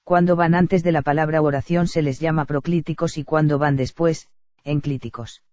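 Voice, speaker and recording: A man reading a grammar lesson aloud in a steady, even lecture delivery. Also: fairly high pitch, normal speed, dry recording. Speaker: teacher. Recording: dull lo-fi dry recording.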